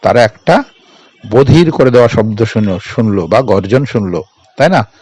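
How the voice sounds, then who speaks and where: A man's voice: fairly low pitch, animated, moderate pace, darkish tone, husky, no room sound, poor audio. A man with a Bengali accent teaching a primary school English class online, spelling words letter by letter and repeating each answer. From India.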